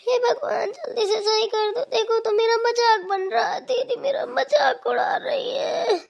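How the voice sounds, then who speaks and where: A woman's voice: high-pitched, takes it slowly, gravelly, lo-fi sound, heavily acted. A woman voicing a young village daughter-in-law with a stuffy cold who whines tearfully in a cartoon. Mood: tearful whining. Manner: tearful whining, wailing complaints. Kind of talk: cartoon voice acting.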